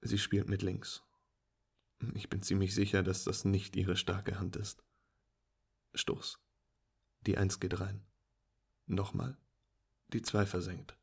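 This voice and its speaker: Male first-person narrator, low husky voice, calm and wry delivery. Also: takes it slowly, long pauses. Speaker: storyteller.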